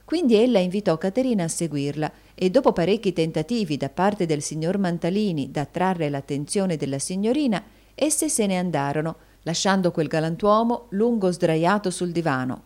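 Low-voiced woman reading a novel. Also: animated, moderate pace, hardly any pauses, a little mellow. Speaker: narrator. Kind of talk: audiobook reading.

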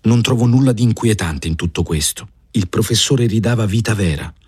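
A man giving a measured, even first-person reading of a novel for a radio audiobook. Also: on the low side, slightly rough, no room sound, clean studio sound. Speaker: audiobook reader.

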